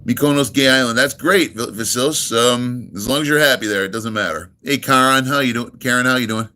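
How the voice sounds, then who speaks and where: Fairly quick and forceful, this mid-range, bright voice belongs to a middle-aged man from the United States near New York. He's live streaming in a relaxed, rambling, friendly way, saying hello to viewers and replying to messages with plenty of ums and uhs, his voice full and radio-like.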